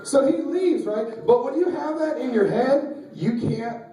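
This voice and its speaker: Young male stand-up, high voice, crude and laughing, echoey room heard from afar. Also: a little slow, recorded from a distance, crowd noise. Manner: crude, laughing, animated storytelling. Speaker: stand-up comedian. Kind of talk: stand-up routine. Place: small pizza shop show.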